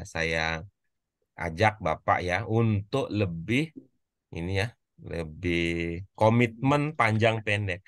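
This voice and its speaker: A man's voice: on the low side, a bit bright, no echo, studio quality. A man with an Indonesian accent tutoring informally as a teacher, encouraging and instructive. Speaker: Arabic teacher. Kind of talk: informal tutoring, coaching a learner.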